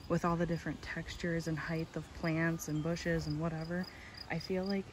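Low-voiced woman touring her garden. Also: a little mellow. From Michigan. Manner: chatty, enthusiastic, many "um"s. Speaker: gardening vlogger. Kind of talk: casual garden tour narration. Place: outdoors in a backyard garden. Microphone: handheld phone camera. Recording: outdoor phone audio with insect noise. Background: crickets and outdoor ambience.

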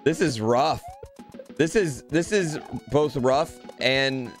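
A man of about thirty streams a video game from his home streaming room, chatting to his viewers in a profane, excitable, slangy way. His mid-range voice takes things slowly, picked up by a close desk mic on an arm, with video game music in the background.

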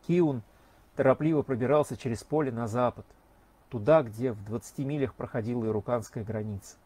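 A man reading a novel aloud as an audiobook narrator, measured and expressive. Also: mid-range voice, husky. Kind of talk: scripted narration.

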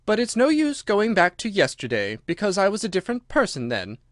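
Young storybook girl, played by a man: courteous, shy, inquisitive, raised voice with lively swoops. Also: high voice, brisk, dry recording, clean studio sound, pitched above the performer's own voice. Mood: timid. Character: polite, timid, curious young girl Alice. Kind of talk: storybook character voice.

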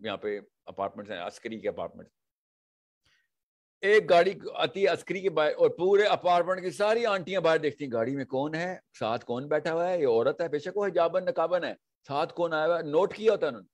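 A man's voice: a little high, brisk. A man giving a religious lecture to an audience, telling stories vividly and asking rhetorical questions. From Pakistan. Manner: rhetorical questions and animated storytelling. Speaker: religious speaker.

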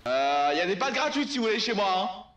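A man giving slangy, excitable let's-play commentary as a gaming YouTuber, swearing and joking with viewers. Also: high voice, a little fast, background noise. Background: background music.

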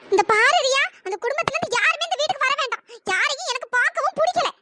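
A furious middle-aged cartoon mother scolds at the top of her lungs. Her voice is pitched extremely high and sounds bright and sharp. Faint hiss sits under it. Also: lively intonation, fast talker, exaggerated voice. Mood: angry scolding. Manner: shouting, scolding. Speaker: angry aunt.

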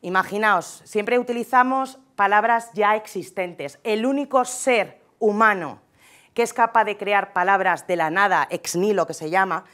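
A woman with a Spain Spanish accent giving a humorous conference talk, chatty and joking, often tagging her sentences with a quick question to the audience. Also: medium pitch, a bit bright. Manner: chatty, jokey, keeps tagging lines with "¿eh?". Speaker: conference speaker.

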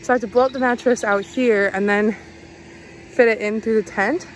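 A woman's voice: on the high side, fairly even intonation, brisk, a little hiss or hum. A young woman chatting casually to a phone camera held at arm's length at a campsite, giggly and upbeat. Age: young adult. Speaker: vlogger. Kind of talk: casual vlog chat. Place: outdoors at a campsite.

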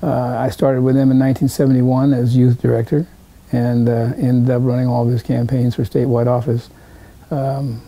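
A man in his sixties, a political consultant, recalling his career in an interview with many pauses and fillers. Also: mid-range voice, little pitch movement, warm tone, rough recording. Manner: hesitant, many fillers and restarts. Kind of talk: interview recollection.

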